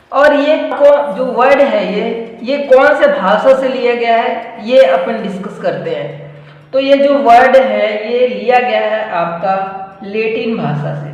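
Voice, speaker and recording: A man's voice: very high voice, dull audio. Man teaching in a very echoey room. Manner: explanatory, repeats "theek hai" and asks rhetorical questions. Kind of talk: live online exam-prep lecture. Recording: very echoey room with long reverb and faint music.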